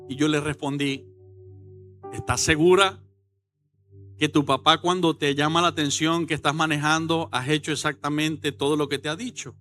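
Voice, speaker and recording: A middle-aged man with a Venezuelan accent delivers a Sunday sermon in church, his voice high-pitched and bright. He tells stories with animated, acted-out quotes. Faint music sits behind him. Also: moderate pace. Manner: animated storytelling, acts out shouted quotes. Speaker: pastor.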